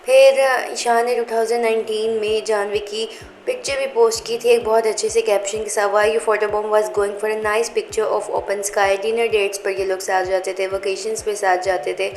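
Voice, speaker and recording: A woman tells celebrity gossip in a chatty, scripted way, slipping English words into her sentences. Her voice sits at an ordinary middle pitch. The room around her is echoey, with a faint hum of ambience. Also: darkish tone. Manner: chatty, reads viewer comments aloud, mixes English into Hindi. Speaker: celebrity gossip channel host.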